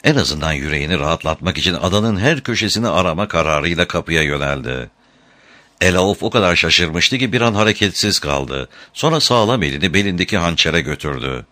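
A man narrating an adventure novel as an audiobook, in a measured, dramatic storytelling manner. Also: low-pitched, lively intonation, pushed and bright, no room sound.

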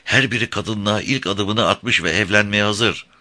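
A man voicing a calm, soft-spoken woman in an audiobook. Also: lowish voice, normal speed, pitched above the performer's own voice. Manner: soft, gentle. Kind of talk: audiobook character voice.

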